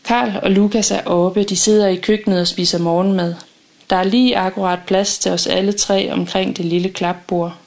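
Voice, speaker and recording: A woman reading a first-person audiobook in a calm, measured, intimate way. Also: medium pitch, creaky. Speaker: audiobook narrator.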